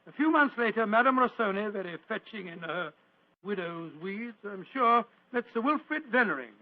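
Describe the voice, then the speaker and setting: High-voiced, genial old Doctor Watson. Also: male voice, expressive, normal speed. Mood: reminiscing. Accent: British. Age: older. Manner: chuckling, hesitant, old-fashioned courteous. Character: genial, doddering elderly Doctor Watson, storytelling old gentleman. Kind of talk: 1940s radio acting. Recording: dull, lo-fi old radio recording.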